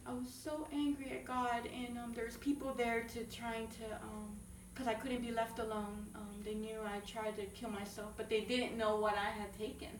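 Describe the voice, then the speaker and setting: A young woman giving a halting personal testimony with many fillers, recorded from a distance in an echoey room. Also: on the high side, flat delivery. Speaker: ministry program resident. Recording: echoey room, mic far off, faint noise.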